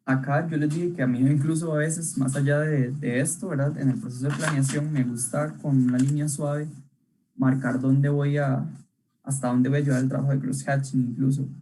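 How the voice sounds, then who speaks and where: A man's voice: medium pitch, fairly even intonation, normal speed, warm tone, a little hiss or hum, rough recording. A young man teaching an online illustration workshop, talking casually while he draws, with many fillers and checking questions. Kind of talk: live online drawing lesson.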